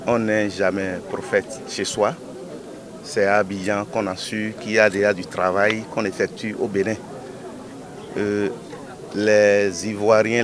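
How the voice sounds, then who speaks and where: A man gives calm explanations to reporters outdoors. His voice is low. A crowd is clearly heard in the background. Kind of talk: press interview. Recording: outdoor interview with crowd noise.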